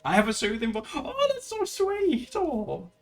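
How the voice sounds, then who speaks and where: A livestreamer draws while chatting casually with his viewers, giggly and talkative, frequently laughing and beginning sentences again. He speaks unhurriedly in a very high-pitched voice with huge pitch swings, and faint music plays behind him.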